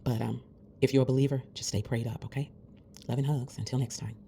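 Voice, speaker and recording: Very deep, gravelly, and warm, this woman's voice moves quickly yet keeps a steady tone, with a little hiss or hum in the audio. She's a hiccuping vlogger doing a friendly nail tutorial and calling viewers besties.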